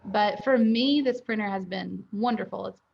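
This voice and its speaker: A woman's voice: medium pitch, moderate pace, vocal fry. A young woman who owns a dental lab, answering questions candidly in a webinar interview over a video call. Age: young adult. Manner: candid, chatty, laughs easily. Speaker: dental lab owner and guest. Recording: dull lo-fi call audio.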